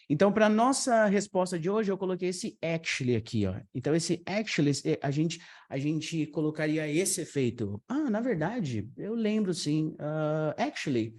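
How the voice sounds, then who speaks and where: A man whose first language is Portuguese, teaching an online aviation English lesson in a lively manner and repeating words for drill. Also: fairly high pitch.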